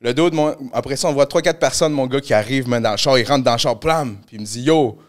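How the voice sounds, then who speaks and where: A Québécois man hosting a podcast, telling a story in an animated, slang-heavy way with English thrown in. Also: mid-range voice, quick pace. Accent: Québécois French. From Canada. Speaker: podcast host. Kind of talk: casual storytelling chat.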